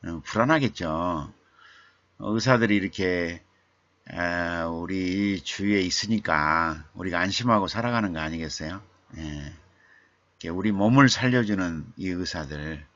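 Low-voiced man telling a story. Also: fairly bright tone, dry recording. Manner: unhurried, with many fillers and rhetorical questions. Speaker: literature talk show host. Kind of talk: live-streamed storytelling. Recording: dull lo-fi streaming mic.

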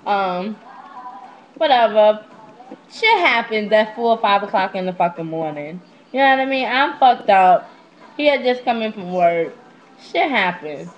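This medium-pitched woman in her twenties is animated yet unhurried as she candidly shares stories with her webcam, full of slang and swearing, in a casual confessional vlog. She records in a small home room on a netbook's webcam mic, and the audio is dull and lo-fi.

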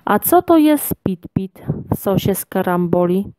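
A grumpy yet soft-hearted male lion from a children's storybook, read aloud by a woman. He scolds and reassures in a slow, mellow voice. The reading is close and dry. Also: medium pitch, big pitch swings, no echo. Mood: gentle. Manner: scolding then gently reassuring.

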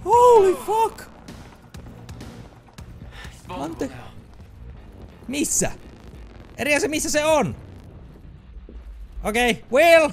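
High, excitable man gaming. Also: vocal fry, long pauses. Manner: frustrated, swearing, mixing English exclamations; shouting and yelping high in tense moments. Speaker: gaming video creator. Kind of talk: live gameplay commentary. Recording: game music behind the voice.

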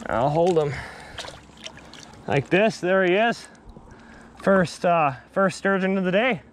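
A young man filming himself fishing on a river shore, chatting excitedly on an action camera with lots of fillers and restarts. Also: high voice, slow, a little hiss or hum. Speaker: fishing vlogger. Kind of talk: casual on-the-spot fishing commentary. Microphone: action camera on body.

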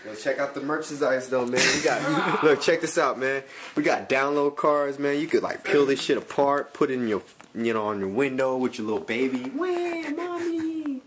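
A man's voice: mid-range voice, brisk, a crowd in the background. A man in his twenties from Texas with a New York accent, chatting casually in hyped street slang as he promotes merchandise in a vlog. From Texas, USA. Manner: hyped street slang, fond of 'man' and 'you know'. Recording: loud music over handheld camera sound.

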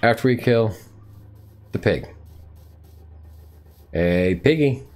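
A gaming streamer with a lowish, slightly mellow and expressive voice takes his time while playing a survival game live. He chats playfully to himself and to the on-screen animals as he comments on the gameplay.

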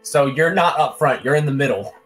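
A man's voice: medium pitch, a little fast, fairly bright tone, faint music behind, low-quality recording. A man playing a tabletop game, chatting casually and wryly about his character's moves. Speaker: player.

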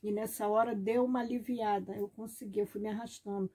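A woman's voice: medium pitch, fairly even intonation, brisk, mellow, husky. A woman recording a personal testimony in her bedroom at home, retelling events in a rambling, repetitive, emotional way. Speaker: vlogger.

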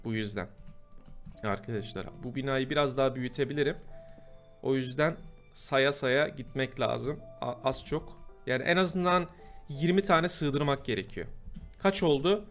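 A man giving casual gameplay commentary, chatty and prone to loud, exasperated outbursts. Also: medium pitch, normal speed, faint music behind. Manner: chatty, bursts into loud exasperated shouting at mobs. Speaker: gameplay host. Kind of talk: casual Minecraft let's play commentary.

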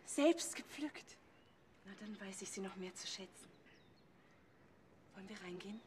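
A woman's voice: mid-range voice, lively intonation, a little slow, crowd noise, lightly acted. An actress playing a genteel, coyly pleased landlady in a film comedy. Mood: flattered, coy.

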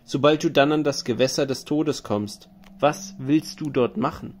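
A man's voice: mid-range voice, moderate pace, natural voice. Male reader as a stern, wise tavern keeper woman in an audiobook epic, grave and warning.

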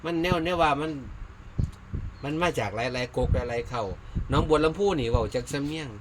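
A man's voice: mid-range voice, moderate pace. A man with an Isan accent interviewing casually, prompting with questions and brief agreements. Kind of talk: casual chat in Isan dialect. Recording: noisy recording.

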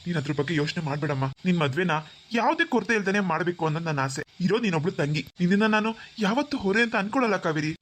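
A woman's voice: lowish voice, expressive. A woman voicing a poor, selfless older brother in a cartoon who soothes his sister. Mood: reassuring. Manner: soothing, fatherly, quick reassurance. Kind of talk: cartoon voice acting.

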